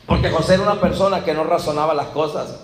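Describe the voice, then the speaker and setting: A Mexican preacher giving a sermon, asking the congregation questions and acting out Bible dialogue. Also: male voice, fairly high pitch, fast, slight background noise. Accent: Mexican Spanish. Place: church hall. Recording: echoey church room.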